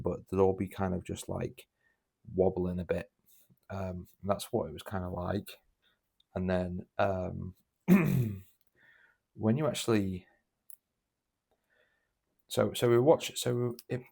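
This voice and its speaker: Young man, low and gravelly, chatty, meandering podcast storyteller. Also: darkish tone. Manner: rambling, filler-heavy, many restarts. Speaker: podcast host. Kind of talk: casual storytelling.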